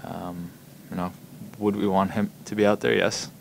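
A young man, a hockey player, answering reporters' questions at a postgame press conference, halting and full of ums and repeated words, speaking into table microphones in a press room. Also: deep voice, flat delivery, vocal fry, slight background noise. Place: press room in front of a logo backdrop. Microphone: table microphones in front of him.

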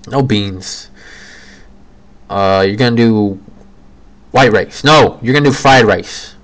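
A young man with a lowish voice talks casually and rambles, stopping to correct himself as he goes. His delivery is loose and chatty, like someone thinking out loud for his viewers. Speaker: creator ranking fast food. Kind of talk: casual solo commentary.

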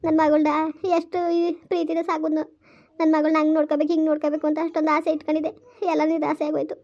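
Actress as weary village mom, quick and high, self-pitying, lo-fi amateur drama. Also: female voice, completely flat delivery, a little mellow. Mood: bitter. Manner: sorrowful, complaining. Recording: lo-fi dull recording.

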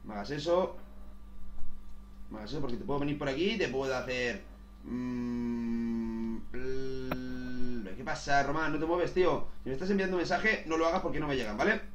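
A man commentating his own game, excitable, swearing and saying "tío" all the time. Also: mid-range voice, moderate pace, roomy sound, slight background noise. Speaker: gaming youtuber. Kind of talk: casual gameplay commentary.

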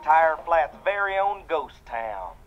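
A man's voice: a little high, big pitch swings, takes it slowly. A man voicing an old train with a hearty, folksy announcing manner in a children's cartoon game. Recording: dull game audio under loud music.

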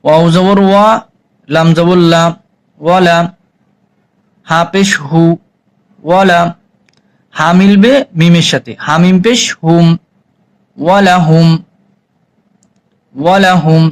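A man teaching Quran reading, spelling out each letter and vowel slowly before chanting the joined words. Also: on the high side, steady tone, clear, resonant tone, poor audio. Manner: slow, drawn-out syllable-by-syllable spelling and chanted recitation. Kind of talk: spelling-out recitation lesson.

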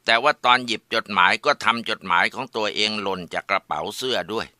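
A man tells a village folk tale in a plain, steady way. His voice is low-set yet bright and tense, and the recording is dry and close. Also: brisk, no room sound. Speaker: storyteller.

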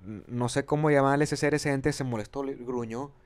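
A young Monterrey man in his twenties tells a long story in a quick, slangy, rambling way. His voice sits at a middle pitch, and he speaks with a northern Mexican accent. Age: 20s. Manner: slangy, rambling, animated retelling. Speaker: podcast host. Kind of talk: casual storytelling chat.

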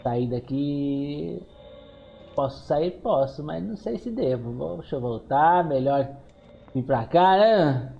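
Excitable Brazilian man playing a horror game. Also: a little high, slow pace, gravelly, highs cut off, soft background music. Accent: Brazilian Portuguese. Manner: excitable, exclaims and talks back to game characters. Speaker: gameplay streamer.

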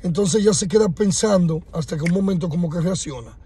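Guy telling a little fable, kinda high voice, dark tone, dry close sound. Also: a little fast, breathy edge, dry recording. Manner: animated, acts out sounds and dialogue. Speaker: motivational storyteller. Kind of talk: casual spoken fable telling.

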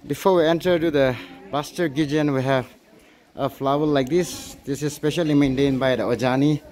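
A man's voice: medium pitch, fairly even intonation, normal speed, a little mellow, low-quality recording. A man giving a casual walking tour to viewers, chatty and pointing things out as he goes, recorded on a handheld phone. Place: outdoors on a hillside village and indoors.

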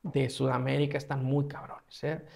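Mexican man, gravelly voice, casual slangy storytelling, animated. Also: mid-range voice, normal speed. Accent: Mexican Spanish. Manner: animated, slangy, acts out his own reactions. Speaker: travel vlogger.

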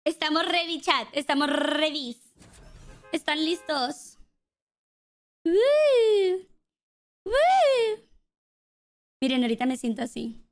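High-voiced Mexican woman streamer. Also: fairly even intonation, moderate pace, a bit bright. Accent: Mexican Spanish. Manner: chatty, swears, sings along to songs. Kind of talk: casual gameplay chat with singing along.

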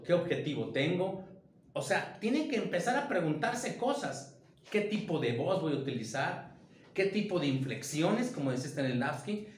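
A man's voice: high voice, echoey room. A man, a theater director teaching an informal acting lesson and firing off many rhetorical questions.

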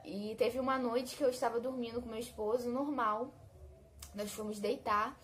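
Young Brazilian woman, higher voice, heartfelt personal testimony with faint background hiss. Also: fairly even intonation, moderate pace, fairly bright tone. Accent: Brazilian Portuguese. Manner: heartfelt, conversational, often addresses listeners directly. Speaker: channel host sharing a testimony. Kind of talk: personal faith testimony told to viewers.

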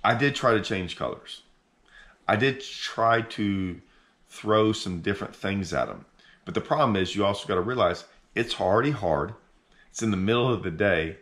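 A middle-aged man hosting a fishing channel, talking casually to camera from his living room couch, animated and full of restarts as he thinks aloud. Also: on the low side, moderate pace. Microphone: camera in front at sitting distance.

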